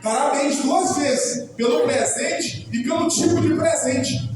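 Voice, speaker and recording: A Brazilian man with a high voice preaches a loose, conversational sermon, repeating himself and calling out to the congregation. He sounds far from the microphone, and his voice booms around a large, reverberant church hall. Steady background noise sits under his words. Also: takes it slowly. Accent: Brazilian Portuguese. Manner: chatty, repetitive, keeps addressing the congregation directly. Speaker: pastor. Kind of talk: informal sermon. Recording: echoey hall, distant mic, noisy.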